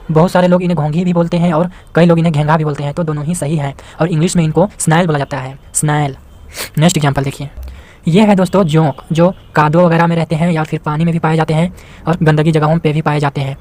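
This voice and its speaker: Man, online vocabulary teacher, quick delivery, higher voice. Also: a little mellow. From Jharkhand, India. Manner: repeats each English word, addresses viewers as friends. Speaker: YouTube English teacher.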